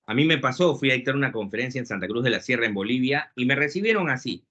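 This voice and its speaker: A man giving a webinar talk on leadership, lively and joking, acting out quotes along the way. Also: mid-range voice, fast talker. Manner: lively, jokey lecturing with acted quotes. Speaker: webinar speaker. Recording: muffled lo-fi webinar audio.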